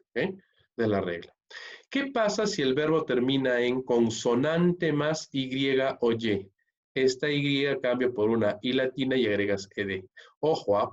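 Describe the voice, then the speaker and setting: Man teaching grammar, checking "¿ok?". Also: mid-range voice. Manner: explains step by step, keeps checking with "¿ok?" and "¿no?"; slows down and stresses key words. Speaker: English teacher. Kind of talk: recorded grammar lesson. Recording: dull lo-fi recording.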